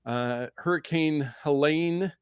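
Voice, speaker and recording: Higher-voiced male tech podcast host. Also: takes it slowly, clear, resonant tone, dry recording, clean studio sound. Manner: chatty, detailed, explains at length. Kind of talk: casual chat. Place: Pacific Northwest.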